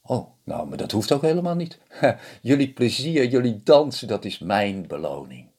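A man voicing a young male fiddler who gets excitable and jumps high in pitch. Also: normal speed, husky. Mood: cheerful. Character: young male fiddler, cheerful and easily alarmed.

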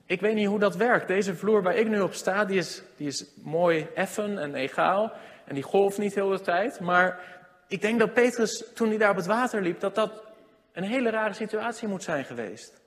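Man preaching in an echoing hall. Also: normal speed. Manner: swings from loud emphatic lines to hushed low ones. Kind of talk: sermon. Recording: long hall reverb.

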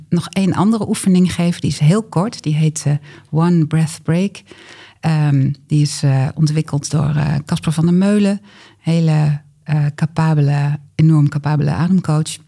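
A woman leads breathing exercises in an unhurried, instructional way. Her soft voice is mellow and breathy, with frequent creak. She sounds like a calm coach guiding someone step by step. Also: sits low.

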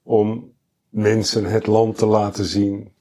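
A man's voice: on the low side, monotone, slow pace, dark tone. A man interviewing a guest, mostly giving brief affirmations and summing up her point.

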